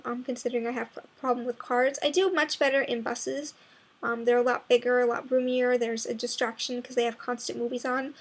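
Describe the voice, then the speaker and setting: Young woman vlogger, high voice, tired and mumbling, loose rambling chat. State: sleepy. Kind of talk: casual chat to camera.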